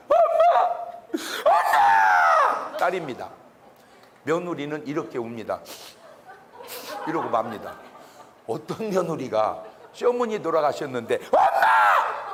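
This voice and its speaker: A male pastor delivering a comic lecture, his voice sitting a little high and swinging widely up and down. He jokes constantly and breaks into sudden loud shouts for effect. A faint noise sits under the recording. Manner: animated, joking, bursts into shouts. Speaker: pastor giving a public lecture. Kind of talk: humorous public lecture.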